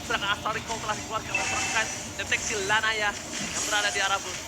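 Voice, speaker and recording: An Indonesian man shoutcasting an esports match like a fighting game announcer, hyped and exclamatory, repeating phrases. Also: high voice, little pitch movement, fast. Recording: loud crowd and noisy venue behind.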